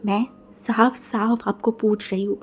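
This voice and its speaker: A woman voicing a furious young man who hurls loud threats and commands in a told story. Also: medium pitch, level tone, a little slow, a little hiss or hum, close to an everyday voice. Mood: cold anger.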